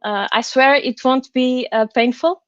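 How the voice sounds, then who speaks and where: Speaking halting, hesitant, careful English as a non-native speaker, a woman designer gives an online workshop presentation indoors over a call. The voice is high-pitched and fairly even, with no room sound and a dull audio quality.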